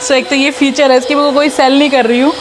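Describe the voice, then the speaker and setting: Young mom vlogging chores, pretty high voice, chatty, phone cam at home w faint household hum. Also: female voice, flat delivery, fast talker. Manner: chatty, mixes English into Hindi, talks to her child between lines. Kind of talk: casual home vlog chat. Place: home, indoors, while cleaning floors.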